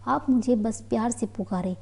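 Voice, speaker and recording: A woman voicing a gentle young wife of twenty who speaks softly and imploringly in a storybook reading. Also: fairly high pitch, moderate pace, creaky. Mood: pleading.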